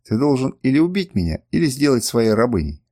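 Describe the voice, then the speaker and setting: A man's voice: mid-range voice, sing-song, brisk, mellow. A man reading an audiobook, voicing a proud, fiery young woman who turns defiant, pleading and spiteful. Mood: furious.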